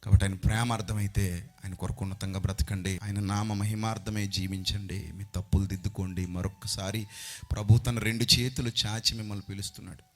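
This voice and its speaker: Impassioned low-voiced preacher man. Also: level tone, a little fast. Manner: impassioned, swings between loud outbursts and hushed pleading. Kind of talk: sermon. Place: on stage holding a mic. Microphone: handheld mic.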